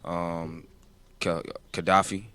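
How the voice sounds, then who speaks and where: Very deep-voiced young New rapper. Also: male voice, level tone, slow pace, fairly bright tone. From New Jersey, US. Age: 20s. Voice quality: voice sounds older than his age. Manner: laid-back, rambling, says "you feel what I'm saying". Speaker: rapper guest. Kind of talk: casual interview chat.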